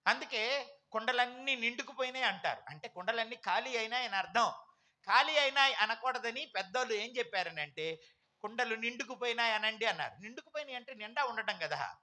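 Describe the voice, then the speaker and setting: A man's voice: very high voice, bright, forceful tone. A man preaching a sermon as pastor, emphatic, with repeated phrases and rhetorical questions.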